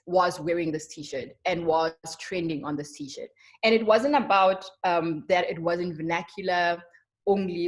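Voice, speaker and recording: A young South African woman with a South African accent, a marketer giving an earnest, emphatic webinar presentation with frequent ums. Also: on the low side. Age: young adult.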